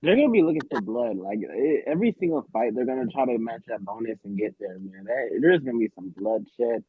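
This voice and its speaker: A man talking over a thin, phone-like line with a dry, husky sound. His pitch swings widely as he hypes things up, and he keeps repeating his phrases. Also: animated, fairly quick, no echo. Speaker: podcast co-host. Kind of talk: casual sports chat.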